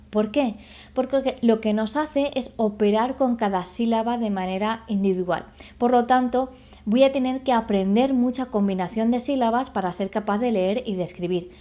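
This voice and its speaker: A woman speech therapist giving an online lesson, explaining patiently, sounding out syllables slowly and checking in with the viewer. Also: fairly high pitch, warm tone. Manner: addresses the viewer directly with checking questions. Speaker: speech therapist teaching a course.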